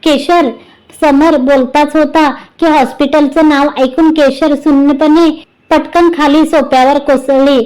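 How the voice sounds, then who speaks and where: A woman's voice: high-pitched, steady tone, measured pace, darkish tone, poor audio. A woman narrating a serialized family story, reading every character's lines in her own voice.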